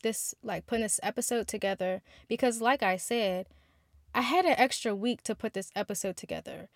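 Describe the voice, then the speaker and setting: A twenty-one-year-old woman hosts a podcast, delivering a casual, chatty monologue straight to her listeners in a candid, heartfelt way. Her voice is mid-range at a moderate pace, captured with studio quality and no room sound.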